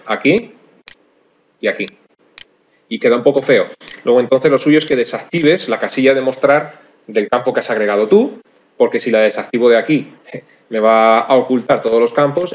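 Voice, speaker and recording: A man narrating a software screencast tutorial in a conversational way, talking straight to his viewers. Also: medium pitch, lo-fi sound. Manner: conversational, addresses viewers directly. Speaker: software instructor.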